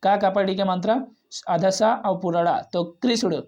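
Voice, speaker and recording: A man leads a basic reading lesson, sounding out each syllable and repeating words several times, slow and patient. His voice is high-pitched and a little mellow, with dull audio.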